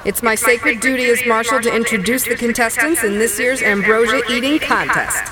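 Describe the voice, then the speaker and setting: A woman's voice: on the high side, steady tone, moderate pace, close to an everyday voice, low-quality recording. A woman playing a proud, playful festival marshal, announcing ceremonially in an audio comedy drama. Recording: loud music and crowd behind.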